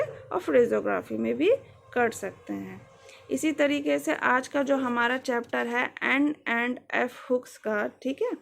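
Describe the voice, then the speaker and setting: A woman teaches a shorthand lesson at a very slow, deliberate pace. Her voice sits a little high and carries a strong gravelly fry. She reads English textbook lines word by word and then explains them in Hindi.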